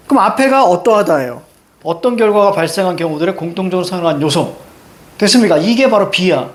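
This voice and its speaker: A man lecturing to a class, drilling students with rhetorical questions and short, emphatic commands. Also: sits high. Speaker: Korean reading teacher. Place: classroom with a blackboard.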